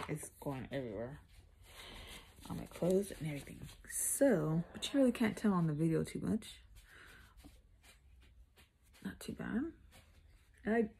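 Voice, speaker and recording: Slow gravelly woman vlogger. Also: lowish voice, slight background noise. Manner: relaxed, chatty, talks while applying makeup. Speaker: makeup vlogger. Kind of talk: casual makeup tutorial.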